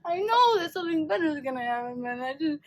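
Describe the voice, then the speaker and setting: A woman reacting to a movie on her first watch at home, emotional, loud and swearing freely. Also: high voice, animated, fast talker, slight background noise. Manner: emotional, loud and profane outbursts.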